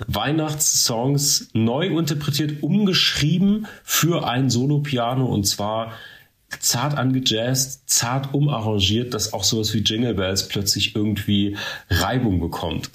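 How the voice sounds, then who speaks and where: A man's voice: fairly low pitch, a bit bright. A young man co-hosting a podcast, chatting casually and enthusiastically, with lots of slang. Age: young adult. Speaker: podcast co-host. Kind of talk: casual chat.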